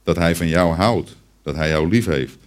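A man's voice: deep voice, normal speed. A man preaching a Christmas sermon, speaking directly to the children and the congregation and telling them a story. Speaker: pastor.

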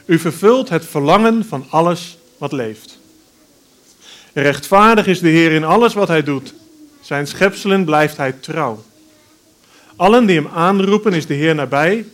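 A man's voice: fairly high pitch, fairly bright tone. Earnest man reading scripture. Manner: measured, earnest reading with pauses. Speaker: preacher.

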